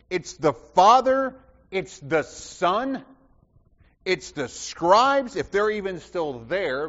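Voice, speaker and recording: Impassioned preacher man in echoing hall. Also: sits high. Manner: impassioned, rhetorical repetition, swings from loud to hushed. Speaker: pastor. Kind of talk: sermon. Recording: dull sound with long church reverb.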